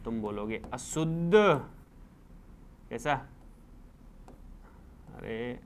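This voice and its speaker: A man with a Rajasthani Hindi accent teaching a class, lively and repetitive, asking students questions and answering them himself. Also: mid-range voice, very slow, slight background noise. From India. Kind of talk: classroom lecture.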